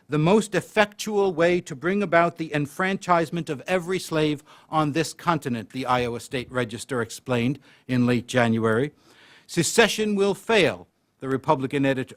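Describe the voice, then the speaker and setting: Man reading a history lecture aloud. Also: fairly high pitch. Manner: reads quoted passages with stronger emphasis and slows on key phrases; occasional slips and restarts mid-sentence.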